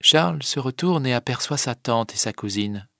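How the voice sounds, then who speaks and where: A man narrating a story in a calm, measured way. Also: mid-range voice, creaky, no room sound, studio quality. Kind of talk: audiobook narration.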